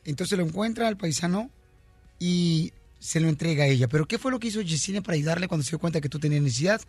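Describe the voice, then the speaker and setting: A man hosts a radio interview, pitched high for a man, with a chummy, teasing manner. He keeps calling out to his listeners. A faint music bed plays under him. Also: lively intonation, quick pace, a little mellow, slightly rough, dry recording. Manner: chummy, calls listeners champions and paisanos, teasing. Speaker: radio show host. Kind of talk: lively radio interview banter.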